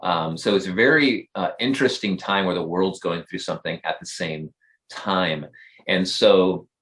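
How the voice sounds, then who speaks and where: A man's voice: sits low, moderate pace, a bit bright. A male life coach co-hosting a faith podcast, talking thoughtfully and rambling with many fillers. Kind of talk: casual faith-based podcast talk.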